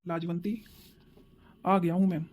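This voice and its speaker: A woman's voice: fairly low pitch, steady tone, a little slow, a little mellow, slight background noise, voice pushed down, lightly acted. Woman doing a weary cartoon husband. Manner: weary, complaining. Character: tired office-going husband, adult man. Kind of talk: cartoon voice acting.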